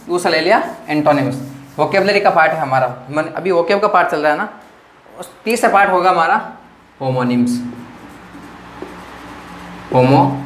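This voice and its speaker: A high-pitched man leads an exam-prep vocabulary lesson, quizzing his audience and answering himself over and over. His voice rings around an echoey room with faint noise underneath. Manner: repetitive question-and-answer teaching, addressing viewers as friends. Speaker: teacher.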